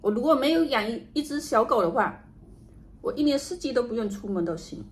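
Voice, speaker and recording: A woman chatting casually to camera while she eats and drinks, musing in an unhurried way with murmured asides. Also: on the high side, lively intonation. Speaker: vlogger doing an eating and drinking livestream. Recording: noticeable background noise, home ambience.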